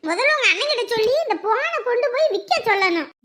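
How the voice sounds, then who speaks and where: An actress playing a sharp-tongued older mother-in-law in a TV serial, nagging and mocking. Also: very high-pitched, expressive, fast talker. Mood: scolding. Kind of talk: TV serial acting.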